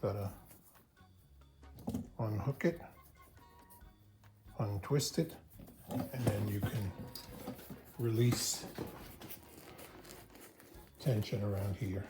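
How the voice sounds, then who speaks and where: A man's voice: lowish voice, very slow, pauses often, over music. A man hosting a car restoration video, chatting casually and explaining each step while he works in a garage. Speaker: host of a car restoration channel. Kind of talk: casual hands-on how-to narration. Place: garage, working inside a car.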